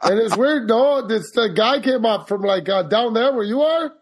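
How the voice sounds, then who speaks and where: A man's voice: very high-pitched, expressive, normal speed, heavily acted. A man doing an exaggerated Canadian accent as a folksy, joking hoser who says "eh" and "bud". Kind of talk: comic bit on a podcast.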